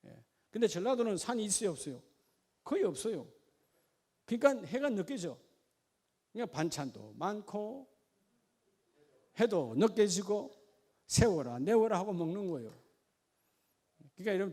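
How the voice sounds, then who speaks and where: Man, pastor, high voice, folksy sermon, questions to the congregation. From Gyeongsang region of Korea. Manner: folksy preaching with questions to the congregation, dropping to a quiet aside.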